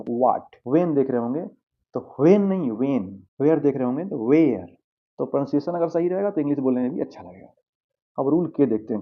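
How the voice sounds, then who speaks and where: A man teaching English pronunciation over slides, patiently asking the viewer questions and answering them himself. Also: medium pitch. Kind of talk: slide-based pronunciation lesson. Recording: tinny phone-like sound.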